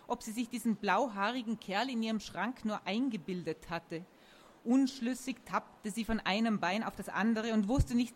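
A woman reading a children's story aloud in a lively, expressive way. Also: on the high side.

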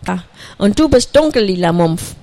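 A storyteller voicing an impatient, excitable young female snowy owl in a children's story, with eager exclamations. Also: normal speed, close to an everyday voice. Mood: excited. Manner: eager, exclaiming, high and bright. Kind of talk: storybook reading.

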